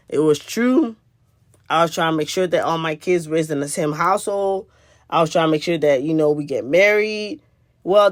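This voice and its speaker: A woman's voice: fairly low pitch, dry recording, clean studio sound. A woman telling a personal spiritual testimony in an earnest, conversational way, repeating phrases for emphasis. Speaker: spiritual video host.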